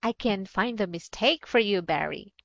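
A woman's voice: mid-range voice, lively intonation, moderate pace, creaky, a bit bright, no room sound. A woman teaching an online English lesson, cheerful and encouraging, laughing often. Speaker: ESL teacher. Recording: dull lo-fi sound.

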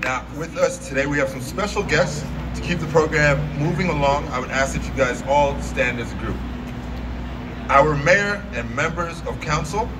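A man's voice: on the high side, normal speed. A man hosting an outdoor ceremony as MC, addressing a crowd from a podium with informal, joking asides. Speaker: master of ceremonies. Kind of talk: public ceremony speech with casual asides. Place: outdoor stage, recorded from back in the audience. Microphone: podium microphone, picked up by a distant camera. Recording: distant, very noisy outdoor audience recording.

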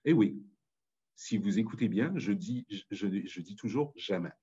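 Husky Parisian man giving a passionate talk. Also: lowish voice, expressive, measured pace, mellow, dull audio. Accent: Parisian French. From France. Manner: impassioned, emphatic, insistent. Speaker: speaker. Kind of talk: public talk on language and community.

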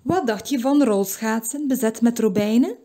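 An eager queen offers gift after gift in a high, shrill voice. A woman acts her out while reading a storybook. The tone is soft and mellow underneath. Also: normal speed, close to an everyday voice.

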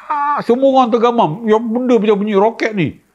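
Laughing Malaysian Malay man telling a story. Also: a little fast. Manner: animated, laughing often, acts out a child's shrill voice. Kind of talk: casual storytelling chat. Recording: dull lo-fi sound.

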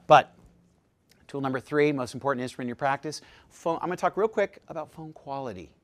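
A man giving a live seminar talk as presenter, jokey and lively, quizzing his audience with questions. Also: medium pitch, fairly quick. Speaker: presenter at a dental practice seminar.

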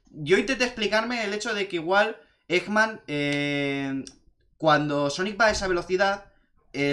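A young man, chatting casually and excitedly as he reviews a film in a vlog, rambling from point to point. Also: fairly high pitch. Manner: excitable, rambling, animated retelling. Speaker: video reviewer.

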